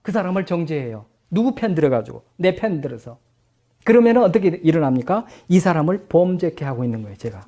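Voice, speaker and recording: A middle-aged male pastor preaching a sermon, animated, acting out quoted voices and then dropping to soft, low tones. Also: fast.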